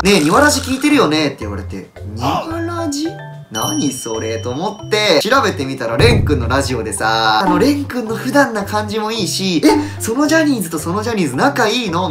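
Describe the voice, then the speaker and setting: Playful young man, lively voice, music behind. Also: high voice. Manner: playful, laughs often, jumps between exaggerated reactions. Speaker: YouTuber. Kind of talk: casual fan chat to camera.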